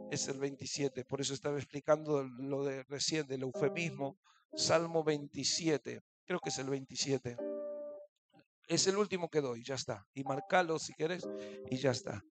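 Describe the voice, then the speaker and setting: A man's voice: mid-range voice, moderate pace, music in the background. A man pastor with a Rioplatense Spanish accent, preaching a sermon with frequent calls of "aleluya" and "amén" to the congregation and joking asides. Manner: humorous asides, acting out little voices in stories.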